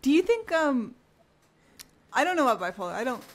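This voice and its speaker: A woman hosting a podcast in casual conversation, relaxed and thoughtful, hedging often with filler words. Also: sits high, brisk. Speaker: podcast host.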